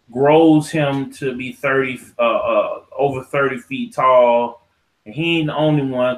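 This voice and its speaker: This American podcast host rants casually, full of opinions, slang and profanity. His voice is medium in pitch and a bit bright, recorded in an echoey, untreated room.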